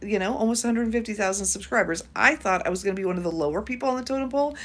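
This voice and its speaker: A chatty American woman in her fifties hosts a casual YouTube livestream, reading viewer comments aloud as she talks. Her mid-range voice is fairly bright, and she speaks at a racing pace.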